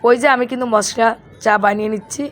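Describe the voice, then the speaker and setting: A middle-aged woman with a Bangladeshi Bengali accent, a little hoarse from a cold, chatting casually to viewers as a home vlogger in her kitchen. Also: fairly high pitch, fairly even intonation, fairly quick, a little hiss or hum. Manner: chatty, explains as she works. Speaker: vlog host. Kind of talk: casual home vlog chat.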